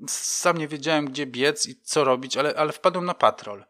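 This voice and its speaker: Brief: man playing a scared homeless man, shaky, pleading, pitched up a touch, bright tone, storybook reading. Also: normal speed, natural voice. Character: frightened homeless man, timid and ashamed.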